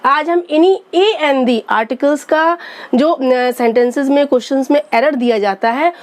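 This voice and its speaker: This woman's voice sits high and moves at a moderate pace as she teaches English grammar. She patiently repeats points and works through her own questions and answers in an explanatory lesson.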